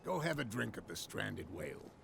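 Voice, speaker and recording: An actor playing a gruff old male sea captain in a video game, speaking in old-fashioned seafaring phrases. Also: lowish voice, sing-song, normal speed, slight background noise, full character voice. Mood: brisk.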